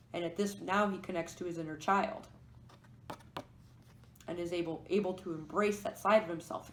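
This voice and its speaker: A woman's voice: lowish voice, slight background noise. Woman doing a tarot reading, echoey room. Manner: musing, explains each card as she goes. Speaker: tarot reader. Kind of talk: pick-a-card tarot reading to camera.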